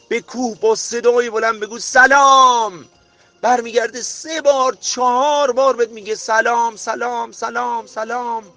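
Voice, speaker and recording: High bright preachy man. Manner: preachy, emphatic, rising to near-shouts. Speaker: motivational podcast host. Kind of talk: motivational monologue.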